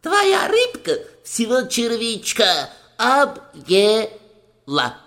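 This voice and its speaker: A man voicing a sly, excitable female fox in a storybook tale, squealing and giggling. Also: very high voice, very slow, voice pushed up, heavily acted. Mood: gloating. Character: sly excitable vixen, shrill and greedy. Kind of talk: storybook narration.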